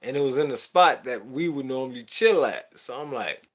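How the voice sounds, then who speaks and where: A man hosting a livestream, telling a story in an animated, profane, casual way. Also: mid-range voice, normal speed. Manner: animated and profane, laughing at his own story. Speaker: livestream host.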